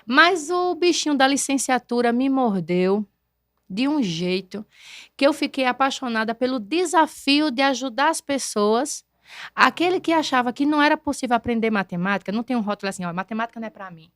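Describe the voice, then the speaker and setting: Woman in her 40s, kinda high voice, dry close mic, tells stories all animated. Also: normal speed, dry recording. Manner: animated storytelling, acts out quoted voices. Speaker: guest, math teacher and neuroscience educator. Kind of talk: conversational podcast interview.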